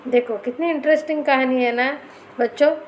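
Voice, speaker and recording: A woman's voice: sits high, fairly even intonation, normal speed, a little hiss or hum, low-quality recording. A woman teacher explaining a school story to children, reading each line and then repeating it with a question.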